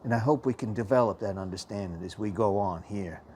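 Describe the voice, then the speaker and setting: A man's voice: fairly low pitch, fairly quick, a little hiss or hum. A man who calls himself a priest talks casually and boastfully to the camera about spirits, sometimes dropping to a whisper. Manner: boastful, animated, dips to a whisper. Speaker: self-described priest and paranormal investigator.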